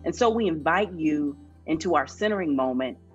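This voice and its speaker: A woman podcast host gently and calmly leading a guided grounding exercise. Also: deep voice, normal speed, breathy edge, dull audio, faint music behind.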